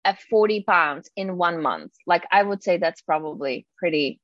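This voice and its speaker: A woman's voice: on the low side, animated, moderate pace, dry recording. Czech-born woman life coach on a podcast, lots of ums, kinda muffled dry audio. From Czech Republic. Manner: hesitant, lots of ums and restarts. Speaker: guest, yoga teacher and life coach. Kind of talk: casual podcast conversation.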